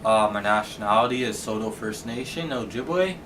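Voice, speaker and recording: A man's voice: on the low side, animated, normal speed. A man from Saskatchewan introducing himself plainly, slightly hesitant. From Saskatchewan, Canada. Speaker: interviewee. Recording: distant mic, clear noise.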